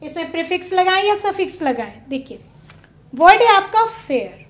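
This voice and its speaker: A woman teacher giving a classroom lesson, drawing out words slowly and putting questions to her pupils. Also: very high-pitched, big pitch swings, echoey room. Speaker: English teacher. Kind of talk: classroom lesson on prefixes and suffixes. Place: broadcast studio classroom.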